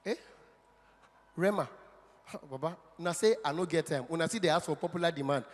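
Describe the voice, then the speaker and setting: A man's voice: a little high, a little fast. A man with a Nigerian accent doing playful stand-up comedy on stage in front of an audience, like a practised showman. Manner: playful showman, mixes Pidgin into his patter. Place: on stage in a large venue. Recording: reverberant live stage with background noise.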